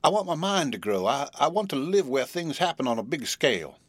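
A male reader takes on the role of a restless, loving young woman from the South in a storybook, drawling in a Southern US accent and speaking earnestly with hesitations. He pitches his voice up, sitting on the high side with big swings in pitch, and the recording is dry, without echo.

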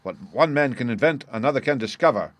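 A man's voice: medium pitch, lively intonation, quick pace, a bit bright, close to an everyday voice. A man voicing a masterful, composed detective in an audiobook, speaking in a precise, formal and authoritative way. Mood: cool, firm. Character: masterful English detective, composed, stern and assured. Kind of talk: audiobook character dialogue.

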